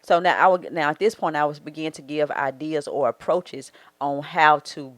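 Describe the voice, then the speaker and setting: A woman's voice: low voice, steady tone, normal speed, no echo. Southern woman, 40s, marriage coach, earnest and advising, dry close mic. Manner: earnest, advising, acts out quoted thoughts. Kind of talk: casual faith-based podcast talk.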